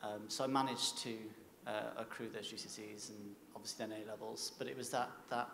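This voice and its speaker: In an echoey hall with faint noise, a young man speaks on an informal panel. His voice is even and gravelly, and he tells his story reflectively, with hesitations. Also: lowish voice, brisk. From South Wales. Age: 20s. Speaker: panel speaker, recent music graduate. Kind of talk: informal panel talk to an audience.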